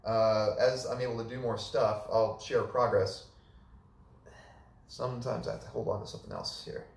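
Speaking at a moderate pace with a fairly low pitch, this young man's voice is rough and gravelly as he chats easily about how his recovery is going, dropping lots of filler words. The vlog is shot indoors in a small living room with echo, the camera set a few meters off.

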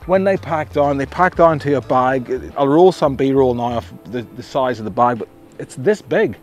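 A man's voice: medium pitch, moderate pace, soft background music. A middle-aged Australian man giving a chatty, enthusiastic camping gear review outdoors at a campsite, often restarting his sentences. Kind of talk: casual outdoor product review. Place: outdoor campsite among trees.

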